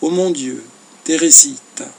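A man reading the lines of a gentle, fearful young noblewoman in a soft, timid manner. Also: medium pitch, level tone, a little fast, vocal fry.

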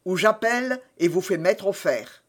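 Man doing a haughty duke, high strained voice, storybook reading. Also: expressive, moderate pace. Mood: indignant. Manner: indignant outbursts, raised pitch. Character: proud male duke, haughty and quick to anger.

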